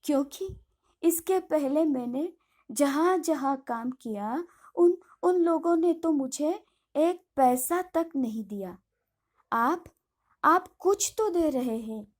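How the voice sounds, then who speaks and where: A woman's voice: high-pitched, expressive, slow, long pauses, a little mellow, full character voice. A woman voicing a timid, frightened young maid who speaks in a trembling, hesitant way. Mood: fearful.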